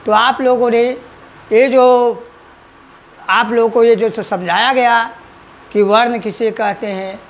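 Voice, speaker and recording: A man's voice: extremely high pitch, fairly even intonation, slow, pauses often. A male school teacher giving an online grammar lesson, repeating his own questions and answers for students.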